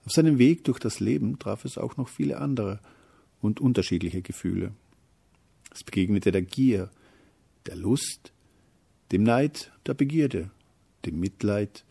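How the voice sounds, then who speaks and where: A man narrating a storybook tale, his loudness rising and falling for drama. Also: on the low side, vocal fry, husky.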